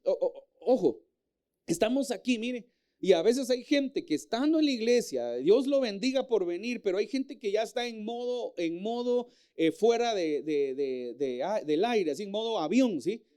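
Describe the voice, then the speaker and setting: A man's voice: sits high, expressive, normal speed, dark tone, clean tone. A middle-aged man, a pastor preaching a Sunday sermon and calling out to the congregation. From Guatemala. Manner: emphatic, calls out to the congregation.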